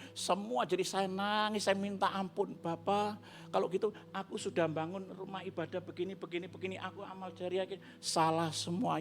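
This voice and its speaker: Fervent East Javanese man giving testimony. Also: on the high side. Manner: fervent, storytelling, switches into dialect. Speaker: church testimony speaker. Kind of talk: emotional testimony sermon. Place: church service.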